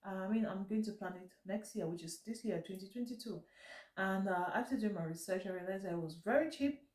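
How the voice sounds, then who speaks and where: A vlog host with a soft, mellow, mid-range voice chats casually with her viewers, rambling and correcting herself. Her nose is blocked and congested, so she breathes through her mouth as she talks. The room is echoey and the mic sits some distance away.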